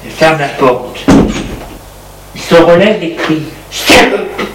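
A man narrating a dark story slowly, in short, halting phrases. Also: fairly high pitch, heavy background noise. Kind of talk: slow dramatic storytelling. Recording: echoey room with music behind.

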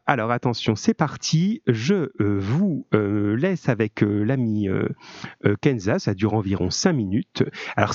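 A man's voice: mid-range voice, a little mellow, no echo, muffled recording. A man teaching from his home office, talking to his pupils with many hesitations and restarts. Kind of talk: recorded class talk to pupils.

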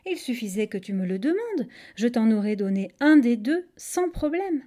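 A woman voicing a clever, quick-thinking male monkey in a storybook reading. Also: on the high side, big pitch swings, warm tone. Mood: breezy. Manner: breezy, casual, mocking.

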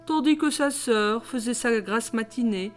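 A woman reading a traditional tale aloud in a measured, expressive storytelling voice. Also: fairly high pitch. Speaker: reader. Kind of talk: storybook narration. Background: faint music.

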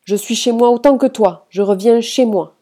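A woman reading the lines of a defiant man in a novel, shouting back at his accusers. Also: a little high, moderate pace, pitched above the performer's own voice, lightly acted. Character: defiant man returning home.

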